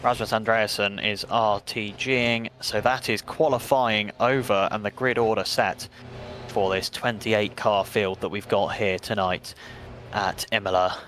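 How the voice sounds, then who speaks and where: A man with an English accent giving brisk, chatty play-by-play commentary on a sim race, with self-mocking asides. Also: fairly low pitch, fairly even intonation, a bit bright, slight background noise. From England.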